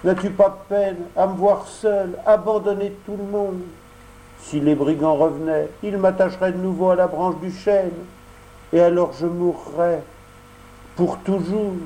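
Storybook puppet boy, high and plaintive, put on by a man, slow emotional delivery. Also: mellow, slight background noise, close to an everyday voice, low-quality recording. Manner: wailing, pleading, high-pitched. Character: grieving wooden puppet boy, impulsive. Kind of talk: audiobook character voice.

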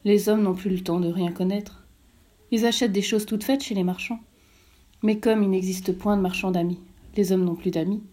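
A woman voicing a wise, gentle fox in a storybook reading, calm and measured as it explains. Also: medium pitch, natural voice. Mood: patient.

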